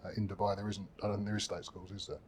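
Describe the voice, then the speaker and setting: A British man in his thirties speaks in a fairly low voice during a relaxed podcast chat. He talks hesitantly, restarting phrases and leaning on fillers. A faint hum of ambience sits behind him. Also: rapid-fire. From United Kingdom. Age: 30s.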